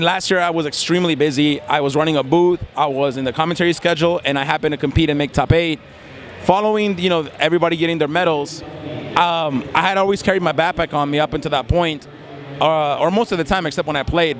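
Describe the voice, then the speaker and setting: He's a Mexican man in his twenties, a law student and competitive gamer, talking fast in a slightly high voice. The outdoor interview is casual, and he comes across as sincere and reflective, with many fillers.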